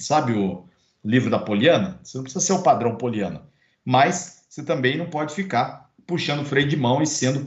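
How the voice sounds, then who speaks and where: A man with a Brazilian Portuguese accent giving an online lecture as course instructor, conversational with many fillers and checking tags. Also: medium pitch. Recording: roomy, dull recording.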